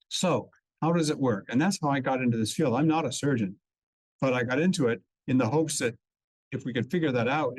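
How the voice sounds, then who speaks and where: Man at mid pitch, conference lecturer, technical but relaxed, dry close sound. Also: no room sound, poor audio. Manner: dense technical explaining, relaxed asides. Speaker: conference speaker. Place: conference hall.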